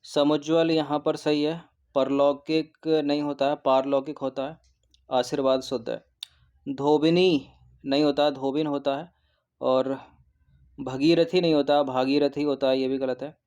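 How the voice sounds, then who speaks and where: A man giving a recorded exam-prep lesson who explains each answer and repeats words slowly, often adding a quick "okay". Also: on the high side, flat delivery, darkish tone, clean tone, lo-fi sound. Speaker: exam coaching teacher.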